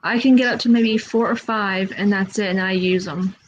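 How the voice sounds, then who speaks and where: A woman in a casual group chat, telling stories in a rambling, quick way. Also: mid-range voice, steady tone, slight background noise, poor audio. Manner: rambling storyteller, quick asides.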